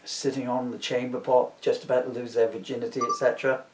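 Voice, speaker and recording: A man's voice: medium pitch, little pitch movement, quick pace, noisy background, lightly acted. A man voicing a sardonic, henpecked, foul-mouthed Christmas ghost in a comic audiobook, rambling and complaining in mock-archaic words. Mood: matter-of-fact, gleeful. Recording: roomy, echoey, distant microphone.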